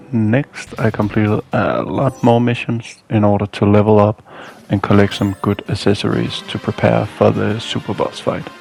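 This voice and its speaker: Dry, weary asides pepper this casual video game walkthrough, narrated loosely from a script by a man whose low, gravelly voice has a darkish tone. Music runs underneath.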